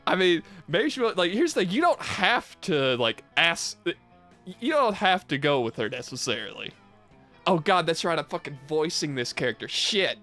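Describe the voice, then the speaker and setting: Animated guy running a game with friends, laughs a lot, music behind. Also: a little high, moderate pace. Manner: laughing, chatty, hesitant fillers. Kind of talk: casual gaming chat.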